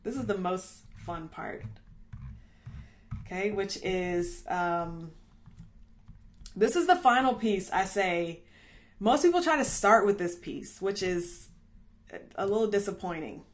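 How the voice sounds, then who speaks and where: A woman's voice: medium pitch, lively intonation, slow, pauses often. A woman coaching a marketing training class in a chatty, upbeat way, checking in often with "okay?" and correcting herself as she goes. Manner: thinks out loud, corrects herself mid-stream. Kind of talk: live training lesson.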